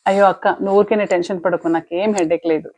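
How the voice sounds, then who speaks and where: A woman's voice: on the low side, fairly even intonation, racing, dark tone, no echo, close to an everyday voice. A woman playing a stubborn young mother who defends holding a grudge against her friend. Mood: defensive. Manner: defensive, justifying herself. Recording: dull lo-fi, dry.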